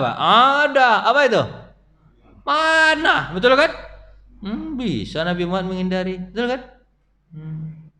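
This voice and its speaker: A middle-aged man preaching at a mosque study session, telling stories and putting questions to his audience. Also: fairly high pitch. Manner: animated storytelling, asks the audience questions.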